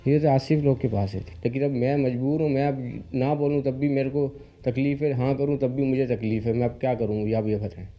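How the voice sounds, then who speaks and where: A man's voice: medium pitch, steady tone, fairly quick, dull audio, faint music behind. A man with a Pakistani Urdu accent, an arrested suspect answering questions in a submissive, pleading way.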